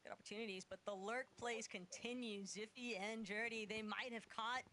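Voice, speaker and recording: A woman calling live esports action, quickly narrating fights and eliminations. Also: on the high side, steady tone, sharp tone. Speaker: esports commentator. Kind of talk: live play-by-play commentary. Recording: crowd noise behind the voice.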